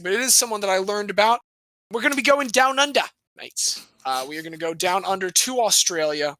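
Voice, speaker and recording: A man co-hosting a podcast, telling a sports history story in a playful, animated way with jokey asides. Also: sits high, no echo, low-quality recording. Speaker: podcast co-host.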